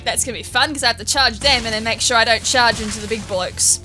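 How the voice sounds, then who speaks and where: Bright, excitable Australian woman gamer. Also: on the high side, quick pace, faint music behind. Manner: excitable, chatty, self-mocking. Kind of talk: let's play commentary.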